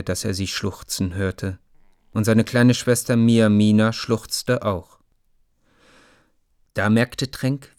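A man's voice: lowish voice, no echo, clean studio sound. Man reading a children's story. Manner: addresses listeners directly, warm storytelling.

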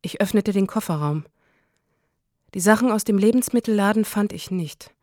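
A woman reads a first-person literary story aloud in a calm, measured manner. Her voice sits in a middle range. It is recorded dry and close, with no room echo. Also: medium pitch. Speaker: audiobook narrator.

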